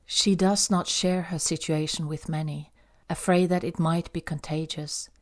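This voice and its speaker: A woman narrating an audiobook in a calm, even storytelling manner. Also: deep voice, a little slow.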